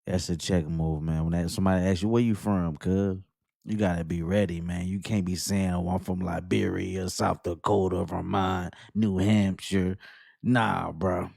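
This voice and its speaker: Laid-back male commentary host, low and flat, dry close sound. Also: normal speed, gravelly, no echo. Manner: laid-back, rambling, laughs at guests. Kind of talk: casual reaction commentary.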